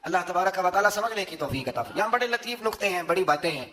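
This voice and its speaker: A man's voice: high voice, expressive, bright, forceful tone. A man preaching a sermon, telling stories with frequent chuckles and reciting verses along the way. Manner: mixes in recited verse and couplets.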